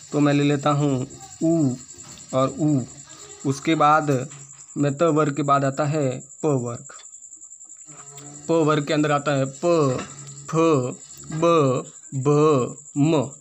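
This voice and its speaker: A man teaching a grammar lesson for exam preparation, speaking with a Rajasthani Hindi accent, spelling sounds out one by one and repeating each term. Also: fairly high pitch.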